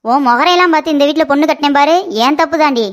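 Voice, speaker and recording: A woman's voice: high voice, very fast, natural voice. A woman voicing a quarrelsome, scolding middle-aged mother in a comic cartoon. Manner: scolding, taunting.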